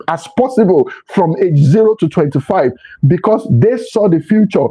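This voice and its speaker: This dull lo-fi recording captures a middle-aged motivational speaker with a high, mellow, slightly rough voice. His talk is earnest and preachy, and he often repeats and restarts his phrases.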